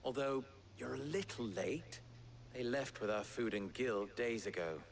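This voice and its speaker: An actor playing a wry, worldly male town leader in a video game, speaking in a dry, measured way. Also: medium pitch. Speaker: game character. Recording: game audio with clear background noise.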